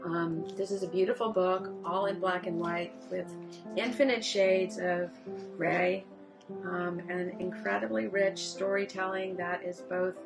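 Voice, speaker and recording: Low gravelly woman presenting. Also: steady tone, music in the background. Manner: measured, with pauses and fillers. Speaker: publisher presenting her list. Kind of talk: prepared presentation.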